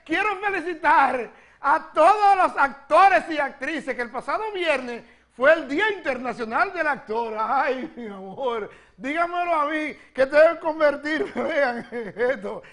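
A flamboyant, gossip-loving country woman, voiced by a man in a Dominican TV comedy sketch, speaking with a Dominican accent. The voice sits very high. She giggles through her gossip and calls everyone "mi amor". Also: a bit bright. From Dominican Republic.

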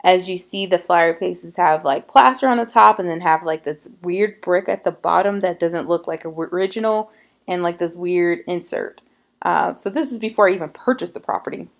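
A woman's voice: fairly low pitch, normal speed, gravelly. Chatty woman narrating her home renovation. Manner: chatty, with many fillers and "like".

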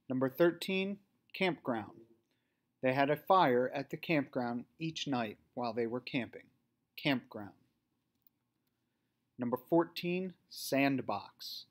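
Slow-paced man dictating a spelling test. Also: mid-range voice. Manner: deliberate, separated announcing of single words. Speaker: teacher reading a spelling test. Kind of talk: spelling test dictation, word then example sentence.

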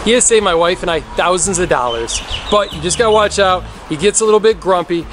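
A man's voice: high voice, a little fast, background noise. A man, the host's son, giving a joking, upbeat introduction to the show. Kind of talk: scripted intro.

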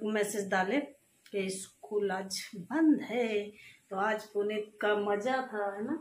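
A woman in her thirties filming a casual family vlog at home, talking to viewers and snapping back in a quarrel with her husband. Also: a little high. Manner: chatty, addresses viewers, turns sharp when arguing. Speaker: vlogger. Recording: echoey home room.

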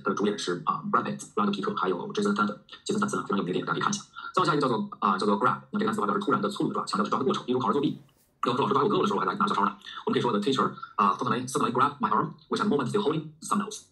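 A man's voice: lowish voice, pushed and bright. A man teaching English vocabulary in a recorded lesson, explaining words and spelling them out letter by letter.

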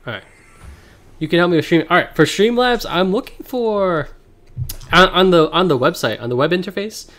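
A man streaming a card game, chatting casually with viewers and thinking out loud as he plays, heard through livestream headset audio. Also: high voice, animated, normal speed. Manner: thinks aloud, reads card text, chats with viewers. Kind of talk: casual gameplay commentary. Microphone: livestream headset mic.

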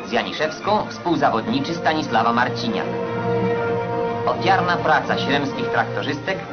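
An old newsreel narrator: a man with a mid-range voice who announces in a formal, declamatory way. The sound is dull and lo-fi, like a worn film soundtrack, and loud music plays under him throughout. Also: mid-range voice, expressive, normal speed. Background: loud orchestral music.

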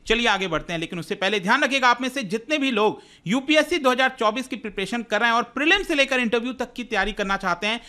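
A man teaching an exam-prep lesson, explaining to viewers in an energetic way and mixing in English words. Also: sits high.

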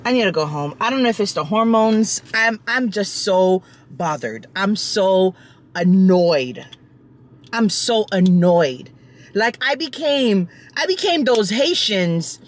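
A pregnant woman vlogging casually on her phone camera, animated and exasperated, sometimes rising to shrieks. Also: on the high side. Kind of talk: casual vlog chat.

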